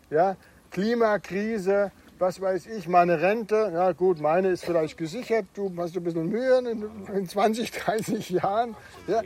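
A middle-aged man preaching a sermon, chatty, with tag questions, swinging from hushed to emphatic. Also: high-pitched. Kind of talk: sermon with personal anecdote.

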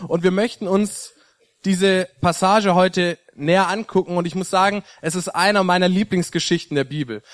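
A young man with a fairly high voice delivers a sermon, moving from a personal story into a long Bible reading. He speaks earnestly and personally, now and then stumbling and restarting a word. The sound is close and dry, with no room echo. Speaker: preacher.

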